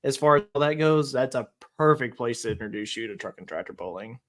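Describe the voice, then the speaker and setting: A man's voice: medium pitch, expressive, fast talker, fairly bright tone. Easygoing male host of a casual podcast; mid-range voice, inviting tone. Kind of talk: casual chat.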